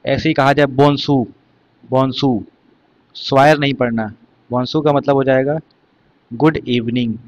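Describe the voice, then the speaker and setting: Male teacher, mid-pitched, explains terms step by step and quizzes students. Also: steady tone, normal speed, highs cut off. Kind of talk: exam vocabulary lesson.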